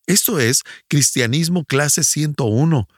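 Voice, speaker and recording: A man's voice: on the high side, unhurried, no room sound, clean studio sound. A male preacher giving a broadcast sermon, emphatic and repeating his key phrases.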